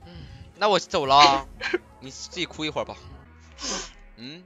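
A man in casual voice chat while gaming, teasing and scolding his teammates one moment and gently coaxing a friend the next. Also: on the high side, moderate pace, dull audio, soft background music. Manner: teasing, swings from loud scolding to soft coaxing. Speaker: game streamer comforting a teammate.

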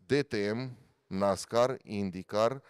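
A man, a motorsport commentator telling animated stories in a casual podcast chat. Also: clean tone, no room sound. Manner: animated storyteller, swings loud and high for emphasis.

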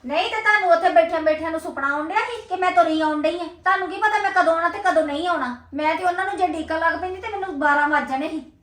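A woman's voice: very high voice, very fast, hardly any pauses, fairly bright tone, echoey room. A woman with a Punjabi accent, acting an angry, reproachful younger sister-in-law in a scripted family drama.

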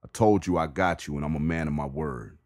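A man's voice: extremely low pitch, brisk, darkish tone, no echo, studio quality. A man voicing a confident, muscular male inmate on his last day, talking cocky and easygoing street slang, a bit above his own voice. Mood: joking.

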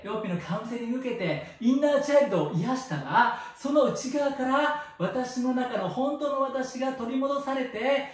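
A man's voice: extremely high pitch, recorded from a distance. Playful man in a very echoey room. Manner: playful and jokey, tacks a joking catchphrase onto lines; swings between loud bursts and soft asides. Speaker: spiritual counselor and channel host. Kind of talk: casual solo monologue.

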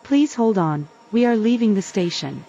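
Distant echoey loudspeaker train announcement, woman. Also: medium pitch, big pitch swings, moderate pace. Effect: recorded airport train announcement over a loudspeaker. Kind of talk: automated transit announcement. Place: airport shuttle train car. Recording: echoey, dull loudspeaker heard from far off.

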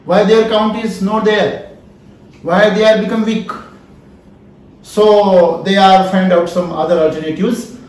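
A man's voice: high-pitched, steady tone, measured pace, pauses often, a little mellow. A man in his forties with an Indian accent, lecturing a class emphatically, asking questions and repeating key phrases. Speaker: trainer, lecturer. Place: small wood-panelled indoor training room. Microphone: camera a few feet away. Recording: very echoey room, mic at a distance.

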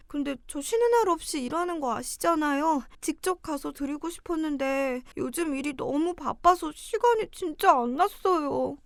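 A woman's voice: very high-pitched, no echo, clean studio sound. A woman voicing a hurt, long-suffering young daughter-in-law who speaks politely and pleads in an audio drama. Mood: apologetic.

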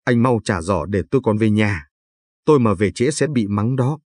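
A cross young village woman who bristles and snaps at everyone, as a man reading the tale lends her his low, breathy voice. She scolds and sulks in quick, clipped lines. The sound is dry and close. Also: expressive, a little mellow, no room sound. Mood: annoyed. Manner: scolding, snappish. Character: grumpy young village woman, sharp-tongued.

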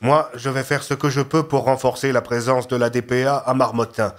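A man voicing a decisive male agency chief who gives orders briskly and with command. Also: medium pitch, flat delivery, close to an everyday voice.

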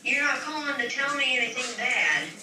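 Over a speakerphone, a woman chats casually on a phone call, talking loosely and swearing offhandedly. Her voice is high-pitched, expressive, bright and forceful, at a moderate pace. The recording sounds echoey and distant, with background noise.

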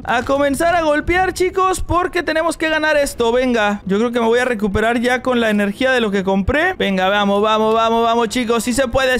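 A young man doing excited commentary on a game, cheering on viewers and repeating his phrases. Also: extremely high pitch, slight background noise. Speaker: gaming host. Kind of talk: excited Roblox gameplay commentary. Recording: faint game music behind. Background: game music.

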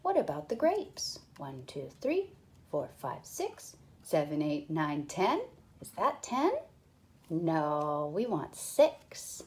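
A young woman teacher reading a counting book aloud to small children, counting slowly in a sing-song way with playful whispers and excited pitch jumps. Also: slight background noise. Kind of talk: counting read-aloud lesson.

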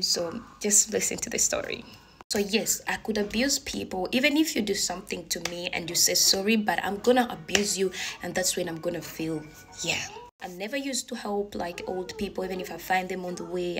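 Young woman, storytime vlog, animated, gesturing, phone camera at arm's length, indoor living room. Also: medium pitch, creaky. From Congo, raised in Uganda.

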